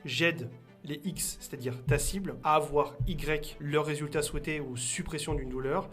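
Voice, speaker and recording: A man's voice: fairly even intonation, moderate pace, fairly bright tone. A young man coaching freelancers straight to camera, talking casually and punchily to the viewer. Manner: casual, addresses viewer as "tu", punchy pitch-style delivery. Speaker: business coach. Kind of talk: direct-to-camera coaching video. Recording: faint music bed behind voice.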